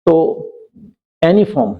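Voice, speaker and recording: A man teaches an English grammar lesson, explaining patiently, reading example sentences slowly, and frequently checking in with his students. The audio sounds dull.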